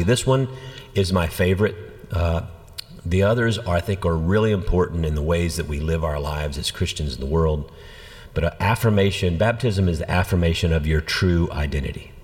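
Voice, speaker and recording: A low-voiced man speaks as a pastor in an easygoing, conversational way. His voice sits well down in pitch, and a long reverb trails behind it. He tells things with an animated storyteller's energy. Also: moderate pace. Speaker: senior pastor. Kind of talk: conversational church podcast teaching.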